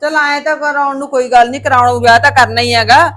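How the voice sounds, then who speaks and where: A reasonable aunt, asking questions in a high, quick voice. She stays calm and measured as the family argues in this drama. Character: calm middle-aged aunt urging patience.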